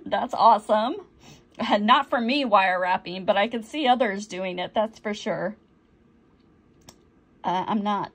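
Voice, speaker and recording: Lady unboxing beads, slow and chatty, gets excited easy. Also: medium pitch. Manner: chatty, easily delighted, apologetic. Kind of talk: casual unboxing chat.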